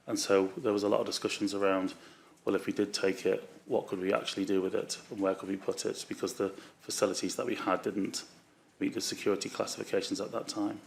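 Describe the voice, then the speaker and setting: Witness, male, low and gravelly, voice worn by flu, halting testimony. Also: flat delivery, a little hiss or hum. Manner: halting, many fillers and restarts. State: voice going from flu. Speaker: witness at a public inquiry. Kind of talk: formal testimony.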